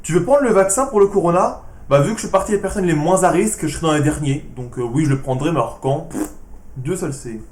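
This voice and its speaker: A man's voice: a little high, fast, background noise. Sarcastic young-sounding man in an echoey room. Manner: dry, sarcastic answers, hushed voice. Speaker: YouTuber answering fan questions. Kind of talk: casual Q&A vlog.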